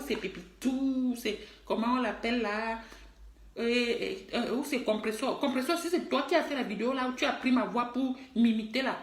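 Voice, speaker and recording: A woman with a high voice speaks straight to her online followers and scolds them firmly, repeating her points with emphasis. The sound is roomy and echoey. She is middle-aged and comes across as forthright. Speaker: online personality and musician. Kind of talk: direct-to-camera social media video. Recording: roomy echo.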